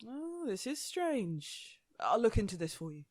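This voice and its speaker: A woman's voice: on the high side, big pitch swings, unhurried, darkish tone, dry recording. A woman playing War, a gleefully menacing, smug immortal gang boss with a taunting, sweary manner, in a radio play. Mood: smug, sly.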